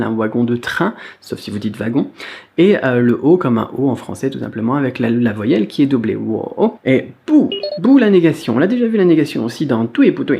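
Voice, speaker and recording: A man gives a casual video lesson in a mid-pitched voice. He speaks in a chatty, loose way with plenty of fillers, and he draws out syllables slowly when he shows the tones. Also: creaky, a little mellow, a little hiss or hum. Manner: slow, drawn-out syllables when demonstrating tones. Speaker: Mandarin teacher.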